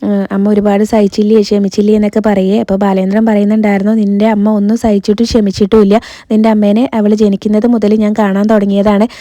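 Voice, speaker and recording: A woman's voice: mid-range voice, level tone, quick pace, dark tone, no echo. A woman casually retelling a TV serial episode, quoting the characters' lines and dropping frequent filler tags. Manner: retells dialogue in quotes, frequent "kētto" tag fillers. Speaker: serial recap host.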